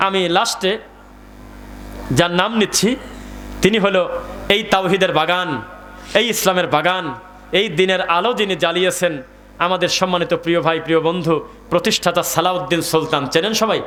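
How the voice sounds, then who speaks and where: A man's voice: high-pitched, fairly even intonation, a little fast, long pauses, a bit bright. A man with a Bangladeshi Bengali accent preaching a sermon to a gathering, asking the crowd questions and reciting Arabic verses. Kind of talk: sermon at an outdoor religious gathering.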